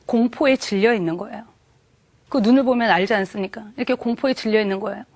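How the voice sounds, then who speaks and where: High-voiced woman giving earnest testimony. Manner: earnest and emotional, with halting pauses. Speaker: church testimony speaker. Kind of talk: personal faith testimony.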